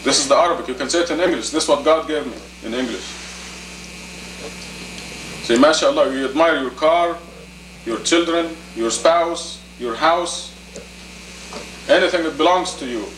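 A man in his fifties, an imam, delivers a sermon in an indoor meeting room, teaching his congregation plainly in short phrases and rhetorical questions. His voice is a little high and fairly bright, and his delivery deliberate and emphatic. The camcorder audio is roomy and distant, with faint noise.

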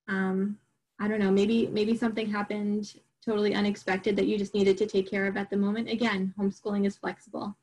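A middle-aged woman from Long Island, New York, gives an informal presentation to parents as a homeschool group presenter, captured in a low-quality recording of an online program. Her voice is mid-range, flat and darkish, her pace brisk. She is chatty and full of fillers and restarts.

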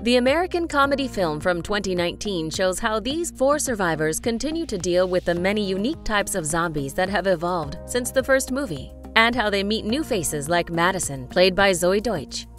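A woman narrating a scripted video voice-over in an even, informative way. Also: medium pitch, moderate pace, few pauses, soft background music.

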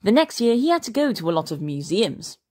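A woman reading a children's storybook aloud in a slow, expressive way, as the channel's storyteller. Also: mid-range voice.

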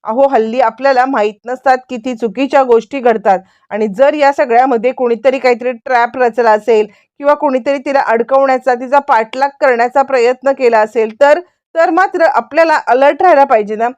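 A woman's voice: high voice, brisk, a little mellow, dry recording, highs cut off, lightly acted. A woman voicing an anxious, scolding young mother in a serial recap. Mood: worried. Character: worried protective young mother.

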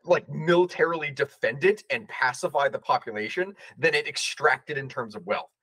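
A man co-hosting a casual history podcast, holding forth with firm opinions. His voice is bright and forward with a husky edge. The sound is dry and close, with no room around it. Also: mid-range voice, normal speed, no room sound, rough recording. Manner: opinionated, explains at length. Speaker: podcast co-host.

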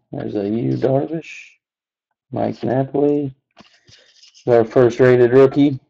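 Casting: unhurried man with a mellow, gravelly voice, lo-fi sound, listing names as he goes. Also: medium pitch. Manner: slow, relaxed listing of names with asides. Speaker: card box breaker. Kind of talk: unscripted card-opening commentary.

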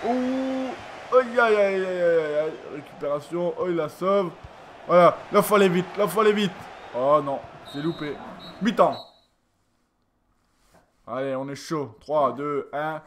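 A gaming YouTuber, yawning and just out of bed, commentates his own football video game match from a computer at home, excitedly repeating phrases and tossing out lots of "ooh-la-la." His voice sits on the high side at a measured pace, and the home recording is noisy.

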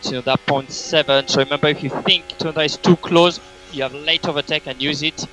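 Male race engineer, fairly high, forceful voice, clipped repeated calls over humming race car radio. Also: fairly even intonation, moderate pace, faint music behind, rough recording. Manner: terse, repetitive, clipped instructions. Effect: team radio transmission.

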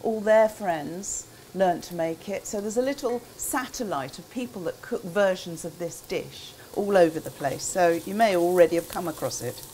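An older woman with a relaxed, chatty manner, talking through a recipe in a small kitchen. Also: on the low side, normal speed, hardly any pauses, slight background noise. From England. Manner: chatty, relaxed asides with frequent ums. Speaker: cookbook author demonstrating a recipe. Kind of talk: casual cooking demonstration. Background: food sizzling in a pan.

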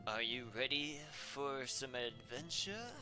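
A man hosting a casual let's-play gaming video, excitable and full of exclamations. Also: mid-range voice, takes it slowly. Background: faint game music.

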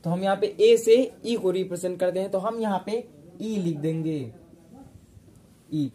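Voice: medium pitch, dark tone. A teacher giving a patient online spelling lesson, repeating each point and stretching out sounds to demonstrate them. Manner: recites sound pairs in slow sing-song.

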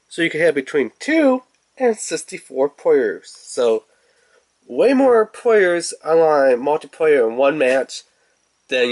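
Congested and clearing his throat, a medium-pitched gaming channel host talks to camera while handling a game case for a casual unboxing review. He rambles, leaning heavily on fillers, filmed at home from a phone or camera positioned above a table.

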